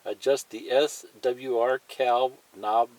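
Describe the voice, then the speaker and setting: This low-quality, dry recording captures a man's slow, mid-range voice with a darkish tone and fairly even intonation. A hobbyist instructor, he demonstrates a hands-on task step by step in plain words, pointing things out, repeating himself, and reading some of it from a manual.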